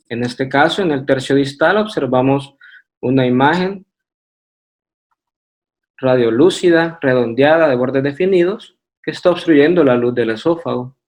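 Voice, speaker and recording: A man's voice: medium pitch, darkish tone. A man with a Honduran Spanish accent presenting a radiology lecture from slides, methodical, with hesitant fillers and restarts.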